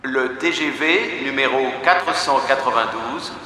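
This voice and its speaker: A man's voice: mid-range voice, bright, forceful tone. Man's echoing train station announcement. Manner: formal, measured announcing. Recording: distant, echoey hall with faint noise.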